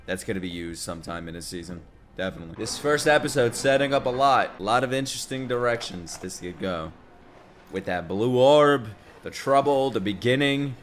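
A man's voice: mid-range voice, expressive, a little fast, soft background music. A young man hosting a reaction video in a casual, slangy, exclamatory way, with some swearing. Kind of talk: casual, excited live reaction commentary.

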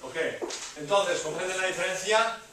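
A Spanish teacher leads a university language class, drilling phrases with emphatic repetition and playful exclamations. He has a high voice at normal speed, and a distant camera picks him up in a very echoey classroom with a noisy background.

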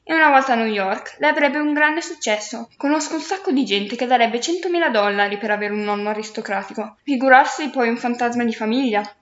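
A woman voicing a young girl who is gentle but spirited and speaks up earnestly, in a storybook reading. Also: on the high side, brisk, few pauses, lightly acted. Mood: scolding. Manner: earnest, scolding. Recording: roomy, dull lo-fi recording.

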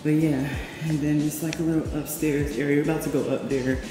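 This woman's delivery is flat and brisk as she leads a chatty, cheerful tour of her new apartment for her vlog, holding the camera herself. "Boom" and "period" come up often in this casual tour, recorded indoors in an empty, echoey room with music in the background.

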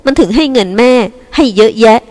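A woman voicing a resentful teenage girl who speaks slowly and bitterly about her mother, in an audiobook with long reverb. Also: fairly high pitch, darkish tone, pitched above the performer's own voice, close to an everyday voice. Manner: resentful, cutting, slow and emphatic.

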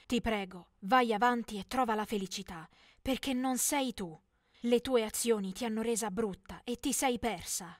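A woman voicing a young man, an exasperated ex-boyfriend who talks loudly and pleads to be left alone. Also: fairly high pitch, moderate pace, no room sound, clean studio sound, close to an everyday voice. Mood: stern.

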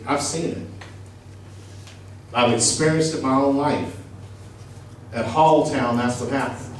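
Steady and measured, a middle-aged pastor preaches in a medium-pitched voice, with some slight background noise. He uses a handheld mic in a small church sanctuary, speaking emphatically and conversationally and questioning the congregation, while a faraway camera records the echoey room.

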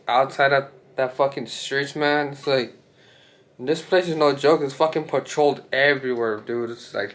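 His mid-range voice has a bit of brightness as this young man vlogs casually to camera, talking loosely with heavy swearing and many fillers. Cold has him shaking. A friend holds the camera, following him outdoors on a city street and later into a hotel room, and the sound picks up noisy street and room ambience.

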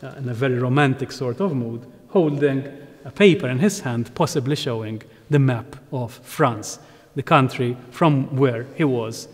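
A man, giving an animated lecture at a lectern, with frequent ums and restarts. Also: medium pitch, moderate pace. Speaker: researcher and curator giving a talk. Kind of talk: lecture on art history. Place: ornate church interior at a lectern. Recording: long reverb of a large church hall.

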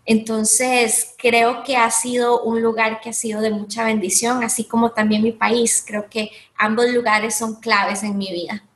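A woman's voice: on the high side, level tone, a little slow, hardly any pauses. A woman, an entrepreneur answering interview questions on a video call in an earnest way, often restarting her sentences. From Costa Rica. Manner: earnest, many restarts and fillers. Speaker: guest entrepreneur. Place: room at home. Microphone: video call webcam. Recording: echoey room on a video call.

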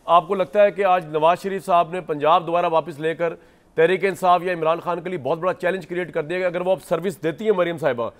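A man, hosting a political talk show and politely cutting in on guests, addressing them as sir. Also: sits high. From Pakistan. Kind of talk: moderating a political debate. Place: TV studio.

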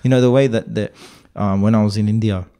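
A man's voice: lowish voice, steady tone, quick pace, dark tone, clean tone. A man co-hosting a podcast, talking in a casual, rambling way with many restarts. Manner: rambling, lots of fillers and restarts. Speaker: podcast co-host. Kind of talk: casual discussion.

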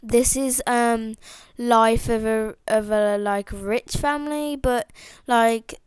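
At home with a headset mic, a teenage girl who has a sniffly cold rambles through a casual outro for her toy video, using plenty of fillers and restarts. She speaks slowly with a slightly high, smooth voice and fairly even intonation. There's no room sound.

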